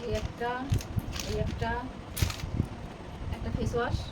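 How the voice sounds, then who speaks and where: Woman, 30s, friendly home vlogger with a fairly high voice, recorded on a phone at home over heavy background noise. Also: steady tone, takes it slowly. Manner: chatty, addresses viewers as friends while showing things. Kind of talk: casual home vlog chat. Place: home, kitchen.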